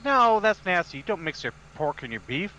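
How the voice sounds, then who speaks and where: A man with a bright, sharp voice chats casually while playing a farm game with friends. He ribs them in a dry, matter-of-fact way. His mic sounds dull and lo-fi, with faint noise underneath. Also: sits high, big pitch swings, fairly quick. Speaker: co-player on a stream. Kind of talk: casual gaming chat.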